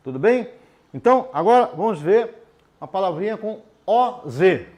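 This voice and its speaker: A man with a high, dark-toned voice full of big pitch swings teaches adults literacy at a board. He explains at a slow, patient pace and keeps checking with the class, asking "tudo bem?".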